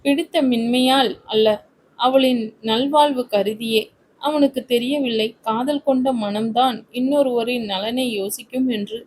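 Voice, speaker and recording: A woman narrating a romantic family story in a steady, literary storytelling manner. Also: on the high side, measured pace, a little hiss or hum, low-quality recording.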